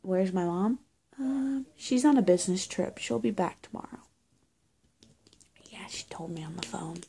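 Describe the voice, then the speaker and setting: Young woman for improvised witch roleplay: unhurried, halting delivery, soft dark tone, breathy and often near a whisper. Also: medium pitch, expressive. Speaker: roleplay video creator. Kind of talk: improvised roleplay to camera, playing a witch caring for someone hurt. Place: small indoor room with bare walls. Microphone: phone or webcam at arm's length.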